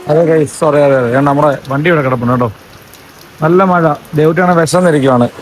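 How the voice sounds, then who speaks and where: Fast excitable vlogger man mixing English. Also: a little high. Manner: excitable, repeats words in quick bursts. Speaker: family vlogger, host. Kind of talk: casual vlog chat to camera. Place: in and beside a parked car in rain. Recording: noisy outdoor and in-car phone recording. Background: vehicle and urban outdoor noise.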